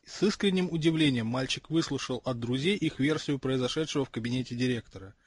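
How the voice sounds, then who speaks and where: Sex: man. Role: audiobook narrator. Style: measured scripted narration. Quality: husky. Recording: dry, close. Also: mid-range voice, dry recording. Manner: measured storytelling.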